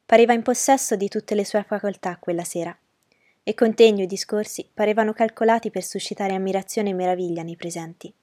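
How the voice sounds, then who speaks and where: A woman narrating a novel aloud in a calm, measured way. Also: mid-range voice, no echo, clean studio sound. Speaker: audiobook narrator. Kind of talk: scripted narration.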